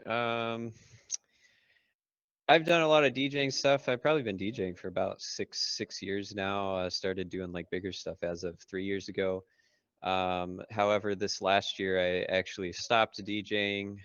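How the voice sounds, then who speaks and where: A man's voice: low voice, a bit bright, dry recording, highs cut off. A man speaking hesitantly as a panel guest, self-deprecating and casual. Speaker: panel guest, DJ and event designer.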